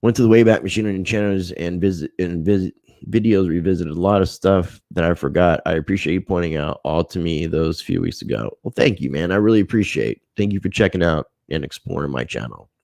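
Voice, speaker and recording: A man's voice: sits low, fairly quick, creaky, a little mellow, dry recording, clean studio sound. A man hosting a casual livestream, reading viewer comments, thanking people by name and airing a grievance. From United States. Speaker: livestream host.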